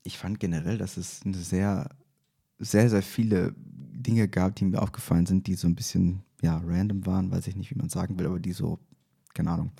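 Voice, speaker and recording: A man hosts a casual fan podcast with a lowish, soft-toned voice that is slightly husky. He speaks informally and hesitantly, rambling through his thoughts. The space around him echoes like a hallway. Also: steady tone, moderate pace. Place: echoey space outside the studio.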